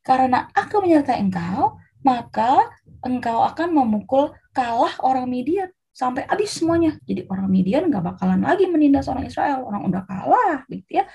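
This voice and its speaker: A woman preaching to children, telling a Bible story in a lively, animated way. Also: high voice, moderate pace, vocal fry, slightly rough.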